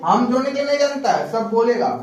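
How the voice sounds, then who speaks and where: In a very echoey classroom captured by a distant mic, a male math teacher talks quickly in a very high, expressive voice amid crowd noise. He runs a repetitive call-and-response, firing questions again and again and checking that students follow.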